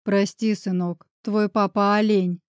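A woman voicing a shaken young father, speaking slowly and emotionally, in an audiobook. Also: mid-range voice, flat delivery, no echo, studio quality, natural voice. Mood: overwhelmed. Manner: slow, emotional, halting.

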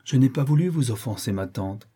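A man's voice: mid-range voice, lively intonation, a little fast, warm tone, slightly rough. A man reading aloud voicing a proud young woman who answers firmly and respectfully. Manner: firm, respectful, defiant.

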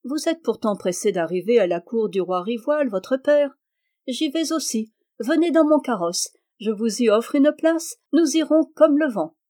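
A woman's voice: medium pitch, normal speed, hardly any pauses, lightly acted. A woman voicing a young princess who teases her husband playfully. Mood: teasing. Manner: teasing, lively.

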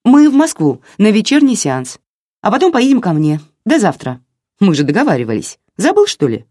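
A reader voicing a calm, confident young woman who gives firm commands and teases. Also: mid-range voice, moderate pace, no room sound, studio quality, voice pushed up. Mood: teasing.

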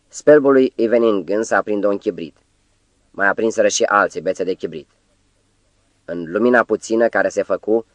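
Deep-voiced male audiobook narrator. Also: dry recording. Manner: steady, measured storytelling. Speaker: audiobook reader. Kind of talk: scripted literary narration.

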